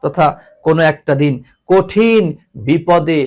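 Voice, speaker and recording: A man's voice: a little high, unhurried, darkish tone. A man teaching an English grammar lesson to students, mixing English and Bengali with a Bangladeshi Bengali accent and teasing the class.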